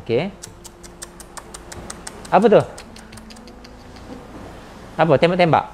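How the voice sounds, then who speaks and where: A man's voice: fairly high pitch, animated, slow pace, vocal fry, a little mellow, slight background noise. A man, a spiritual healer running a healing session with probing, firm questions.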